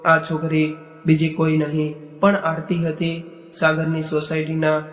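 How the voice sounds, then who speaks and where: A man narrating a moral story in a steady, unhurried way. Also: fairly high pitch. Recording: echoey, reverberant room with faint music. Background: faint background music.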